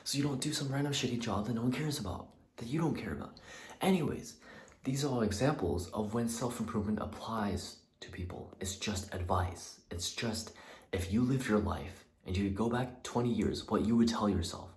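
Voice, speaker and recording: A man's voice: fairly low pitch, normal speed. A young man rambling through a personal vlog rant, swearing freely and sometimes dropping into a whisper, recorded in a small bathroom. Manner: profane, rambling, restarts, drops to a whisper at times. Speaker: vlogger. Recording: echoey small room with faint ambience.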